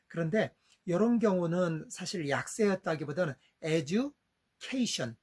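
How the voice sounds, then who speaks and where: A middle-aged man, a father, giving a patient step-by-step lesson on English vowel sounds and saying example words slowly. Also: fairly high pitch, breathy edge.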